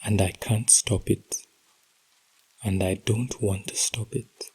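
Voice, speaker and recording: A man hosting a podcast, reading a heartbroken letter aloud in a slow, emotional, intimate delivery that drops to whispers at times. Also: fairly low pitch, fairly even intonation, darkish tone, slightly rough, low-quality recording. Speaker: podcast host.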